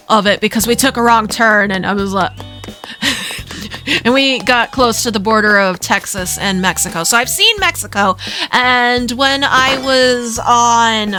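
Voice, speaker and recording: Bright, high-voiced Minnesotan woman streamer. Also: expressive, measured pace, soft background music. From Minnesota, USA. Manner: chatty, giggly, rambling aside to chat. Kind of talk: casual game-stream chat.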